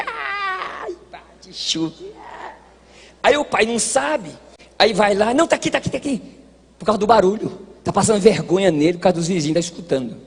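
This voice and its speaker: Brazilian preacher, male, high and husky, folksy sermon delivery, quiet asides building to shouts; church hall with long reverb. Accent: Brazilian Portuguese. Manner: folksy, joking, shifts between quiet asides and shouted exhortation. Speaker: pastor. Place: large church hall at a congress.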